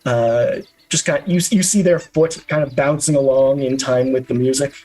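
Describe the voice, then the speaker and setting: Guy running a tabletop game, a bit husky, lots of uhs while he describes stuff. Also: mid-range voice, steady tone, moderate pace, darkish tone, low-quality recording. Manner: descriptive, with frequent uhs and restarts. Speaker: game master.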